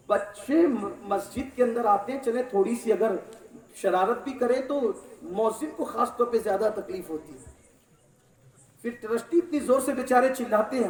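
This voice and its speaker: Impassioned high-voiced male preacher, echoey hall. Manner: impassioned, rising to shouts and dropping low. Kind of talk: Urdu-Hindi religious sermon to a congregation. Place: large hall or mosque gathering. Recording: echoey distant mic in a hall.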